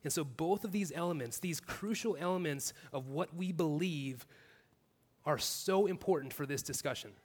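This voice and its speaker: Guy pastor preaching, earnest, kinda high voice, church echo all around. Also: normal speed, husky. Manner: earnest, builds phrases in repeated clauses. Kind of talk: sermon.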